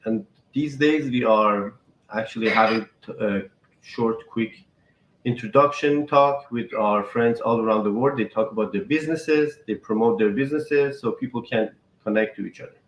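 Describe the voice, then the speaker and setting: A man from Iran hosting a live podcast stream, chatting casually and haltingly with guests and viewers. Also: fairly low pitch, echoey room, dull audio, slight background noise.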